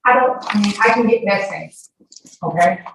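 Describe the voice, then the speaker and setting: In an indoor courtroom, a female witness with a gravelly, mid-range voice responds to examination at normal speed, insisting on her denials repeatedly. The distant mic gives an echoey sound with faint background noise.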